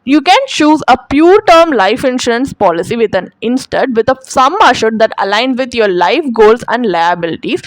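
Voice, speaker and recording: A woman walks through a financial product review in a measured, explanatory voice. Her voice sits a little high, and the recording is dry and close, with no room sound. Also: dry recording, poor audio. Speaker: channel presenter.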